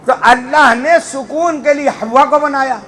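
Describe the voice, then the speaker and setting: A man preaching a Muharram majlis sermon to a gathering, impassioned, at times shouting and chanting Arabic phrases in a drawn-out way. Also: extremely high pitch, steady tone.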